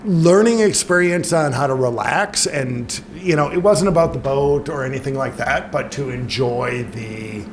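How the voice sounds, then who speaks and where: A man's voice: medium pitch, unhurried, hardly any pauses, a little hiss or hum. A man giving a casual talk to an audience, wry with laughing asides. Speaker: presenter.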